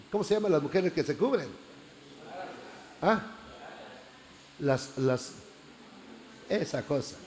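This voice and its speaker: A man preaching a church class, telling his story with lively acted-out prayers. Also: sits high, slight background noise. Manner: animated storytelling, acting out prayers.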